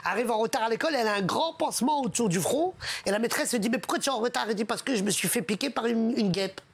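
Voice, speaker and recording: A man's voice: very high-pitched, quick pace. A man telling jokes on a comedy show, switching between voices for each character. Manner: animated joke teller, puts on characters' voices.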